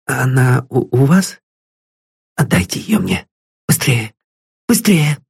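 A man's voice: medium pitch, animated, slow, creaky, slightly rough, no echo, studio quality, voice pushed up, heavily acted. A man voicing a nervous, frightened elderly pawnbroker who mutters and pleads in a timid, breathless way. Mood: anxious pleading.

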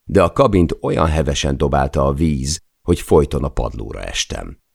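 A man narrates an audiobook in the first person, measured and steady. His voice sits extremely low with a gravelly edge. The reading is calm and deliberate throughout.

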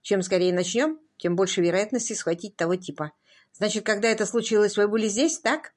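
Woman doing a brisk police constable. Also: medium pitch, darkish tone, close to an everyday voice. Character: businesslike male police constable.

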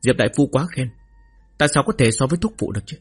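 A man's voice: medium pitch, lively intonation, fast, husky, faint music behind. A man doing a plump, wily young nobleman. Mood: guarded.

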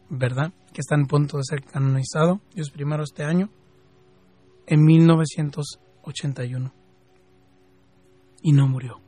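Fervent Mexican man, husky voice. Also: fairly high pitch, darkish tone, no room sound. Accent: Mexican Spanish, from Jalisco. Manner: fervent, rising to emphatic questions, then slow and drawn out. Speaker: radio host.

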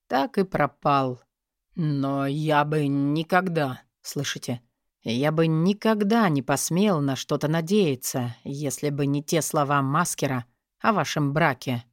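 A lovesick, timid young lord with a lowered, soft, hesitant voice, played by a woman narrator. Recorded close and dry for a storybook. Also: a little slow, no echo. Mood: pleading.

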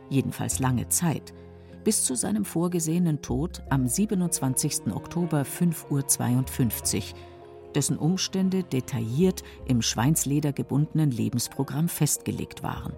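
A woman's voice: sits low, gravelly, mellow. A woman giving composed, scripted narration for a radio feature.

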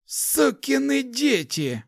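A man voicing a furious, spiteful old male mage in an audiobook, hoarse and snarling. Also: very high-pitched, very animated, slow pace, no room sound, studio quality, pitched above the performer's own voice, exaggerated voice. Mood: seething. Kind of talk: audiobook character voice.

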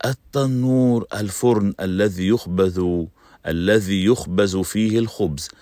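A man, a sheikh hosting a religious radio program, tells prophet stories in a measured, formal, slow recitation. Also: lowish voice, warm tone, no room sound, clean studio sound. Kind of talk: religious radio story lesson.

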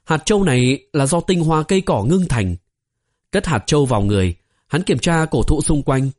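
A man narrating a fantasy novel as an audiobook, in a steady storytelling manner. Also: fairly high pitch, moderate pace. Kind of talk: scripted narration.

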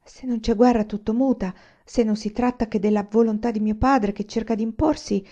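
A woman reading a quiet, tense young woman. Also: a little high, steady tone, a little fast, lo-fi sound, voice pushed up, lightly acted. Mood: hushed. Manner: quiet, hesitant.

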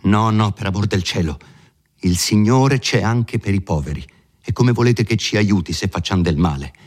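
A man's voice: on the low side, moderate pace, darkish tone, natural voice. A man reading the part of a timid, devout young village bride who speaks in an earnest, pleading way, in an audiobook of a classic novel.

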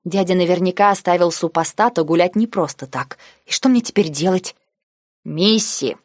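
A woman reading a first-person novel aloud in a wry, measured storytelling manner. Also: lowish voice, no echo, clean studio sound. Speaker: audiobook narrator. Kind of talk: scripted first-person narration.

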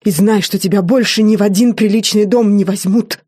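A woman's voice: mid-range voice, fairly even intonation, brisk, warm tone, husky, no echo, clean studio sound, natural voice. A woman voicing a haughty older aristocratic mother-in-law with a cold, stiff manner.

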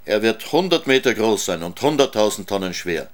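A man's voice: on the low side, animated, moderate pace, natural voice. A man voicing a stubborn lonely boy. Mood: defiant. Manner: insistent, defiant. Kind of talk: storybook reading.

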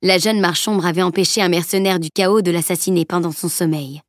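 Woman narrating a novel, steady reading, dead dry booth sound. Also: fairly low pitch, fairly quick, dry recording. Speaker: audiobook narrator. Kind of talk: scripted narration.

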